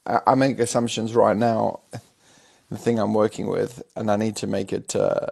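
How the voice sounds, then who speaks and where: Man, gravelly, easygoing host of tech chat, thinks aloud and teases. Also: lowish voice, little pitch movement, normal speed, darkish tone. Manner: thinking aloud, hesitant restarts, teasing. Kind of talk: casual technical discussion.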